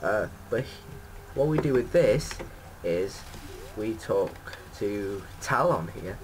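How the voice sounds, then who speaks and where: A man's voice: lowish voice, lively intonation, slow pace, background noise. A man giving casual gameplay commentary as a let's play host, rambling and correcting himself with many ums.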